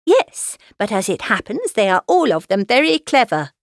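Woman acting a fussy, excitable, high-swooping middle-aged mother. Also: moderate pace, vocal fry, no echo, clean studio sound. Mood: indignant, coaxing. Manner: exclaiming, insistent, fretful. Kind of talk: dramatised classic novel reading.

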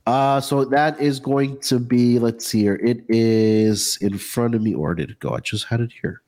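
A man's voice: medium pitch, measured pace, warm tone. A man hosting a casual sports betting talk, sounding under the weather with a froggy, congested voice. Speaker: sports betting show host.

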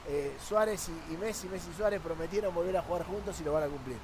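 A man's voice: a little high, fast, noisy background. A man with an Argentine accent, a sports journalist arguing his point on a football talk panel with rhetorical questions.

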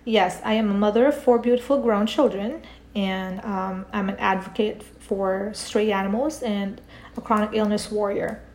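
A middle-aged woman from the Philippines speaks as a podcast guest, calm and reflective as she tells her story. Her voice has a gravelly, fried edge. She sits at a middle pitch for a woman. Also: moderate pace, a little hiss or hum. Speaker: guest, parent coach and author. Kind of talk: podcast interview.

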